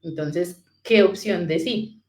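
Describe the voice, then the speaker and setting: A woman's voice: fairly low pitch, takes it slowly, darkish tone, echoey room, a little hiss or hum. A woman patiently explaining how to talk to small children, often checking that she is understood. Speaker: parenting talk guest. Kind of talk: conversational talk on parenting.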